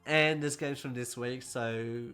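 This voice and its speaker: A man hosting a casual gaming news roundup, talking quickly and correcting himself as he goes. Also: mid-range voice, steady tone, bright, forceful tone, clear, resonant tone, faint music behind.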